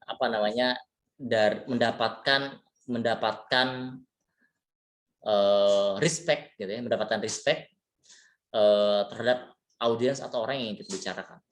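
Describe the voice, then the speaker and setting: A man giving a relaxed, chatty leadership lecture, full of fillers and tag words, mixing in English terms. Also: medium pitch, unhurried, long pauses. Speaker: leadership trainer. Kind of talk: casual webinar lecture. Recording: echoey room.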